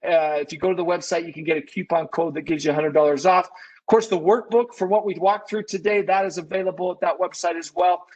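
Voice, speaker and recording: A fast-talking man with a high-pitched, steady, darkish voice presents an informal live webinar Q&A on a rough recording. A business consultant, he thinks aloud in a conversational way and keeps correcting himself.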